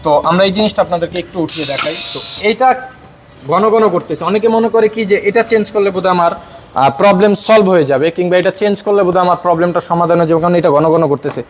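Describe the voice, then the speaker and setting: A car mechanic with a Bangladeshi accent and a slightly raised voice walks viewers through a fault step by step. He pauses often on filler sounds as he explains. A faint engine hum runs behind him in the workshop. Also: high-pitched. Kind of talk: workshop demonstration.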